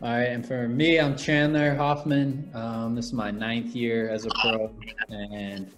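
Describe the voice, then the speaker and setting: A man's voice: medium pitch, little pitch movement, a little slow, fairly bright tone. Male host, pro forward, easygoing and chatty, mid voice, music underneath. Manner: easygoing, leads with questions, many fillers. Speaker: host of the roundtable, soccer forward. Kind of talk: casual video-call chat.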